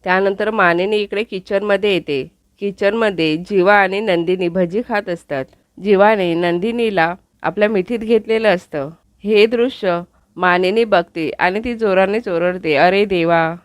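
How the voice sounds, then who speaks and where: A woman retelling a TV serial episode as a steady storytelling recap, speaking close to the mic. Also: mid-range voice, a little slow, dry recording.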